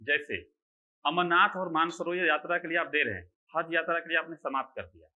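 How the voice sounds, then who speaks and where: A male lecturer running an online exam-prep class in a bright, tense, slightly high voice. He throws questions at his students, answers them himself, and keeps checking that they are following. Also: fairly quick, low-quality recording. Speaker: teacher.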